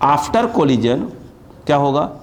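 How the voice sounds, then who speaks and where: A man's voice: on the high side, sing-song, slow. A man teaching physics to a class at a board, stretching key terms and constantly asking students to answer back.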